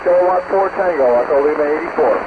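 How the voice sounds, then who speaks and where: A man working as an amateur radio operator, calling out brisk, repetitive call signs in phonetic letters over shortwave radio. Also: on the high side. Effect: shortwave radio transmission. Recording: noisy, narrow-band shortwave radio signal.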